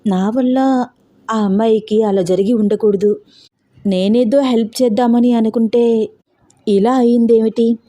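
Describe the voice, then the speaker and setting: A woman's voice: a little high, steady tone, a little slow, long pauses, mellow, close to an everyday voice. A woman voicing a persistent young man who coaxes and pleads. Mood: guilty. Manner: coaxing, pleading. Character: young man, teasing yet caring, persistent.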